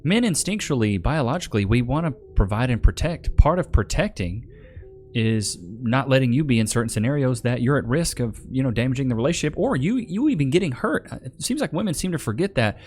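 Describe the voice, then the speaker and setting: A man reacts to clips as an online video host, giving slangy, emphatic, casual streamer commentary. He sounds very animated and brisk, his mid-range voice darkish in tone, over soft background music.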